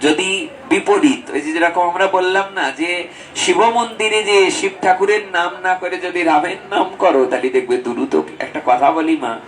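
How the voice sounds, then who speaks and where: A man preaches a devotional sermon, his voice on the high side and swinging from ringing calls to quiet asides. He sounds set back from the mic. A faint hum of room noise sits behind him. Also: normal speed, recorded from a distance, poor audio. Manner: lively, swings between high exclamations and low asides. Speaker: Bhagavat preacher.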